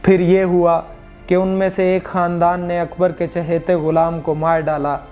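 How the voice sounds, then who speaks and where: A man narrating a historical story in measured, formal literary Urdu. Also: high voice, monotone, a little mellow, faint music behind. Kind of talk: scripted narration of a true crime history.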